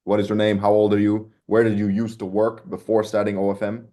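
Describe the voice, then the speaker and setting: Male host, lowish voice, casual slangy interview talk. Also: completely flat delivery, fairly quick, warm tone. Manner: casual, slangy, says boys and lads.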